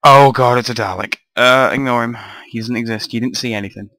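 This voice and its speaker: A man's voice: medium pitch, steady tone, fast talker, sharp tone, dry recording. A young man giving rambling, grumbling commentary over his own gameplay, often swearing to himself. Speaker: gamer narrating a let's play.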